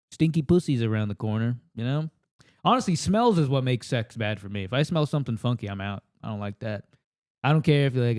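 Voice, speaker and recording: An American comedian contestant sits at a table in a house and launches into an improvised, crude, self-deprecating rant through a handheld microphone. His voice has a medium pitch and clean tone, and the studio-clean recording carries no room sound.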